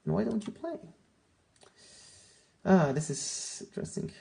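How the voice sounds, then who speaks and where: A man whose first language is Polish hosts a casual live stream with music playing, rambling with many fillers and restarts and greeting chat viewers by name. His gravelly, warm voice sits high, and he sounds very animated yet unhurried.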